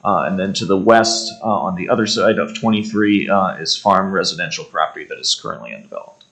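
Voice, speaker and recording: A man's voice: low-pitched, lively intonation, fairly quick, creaky, a bit bright, rough recording. An American man formally presenting a staff report, methodically reading out details with frequent hesitations. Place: indoor township meeting room.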